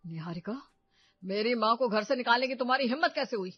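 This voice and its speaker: A woman's voice: mid-range voice, fairly quick, highs cut off, close to an everyday voice. Woman voicing an indignant young husband. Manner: firm, indignant. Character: young husband defending his mother.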